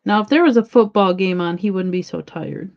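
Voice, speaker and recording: A woman's voice: mid-range voice, fairly quick. A woman chatting casually to her viewers while she paints at home, rambling from one thought to the next. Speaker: saw painter streaming her work. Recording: dull lo-fi sound.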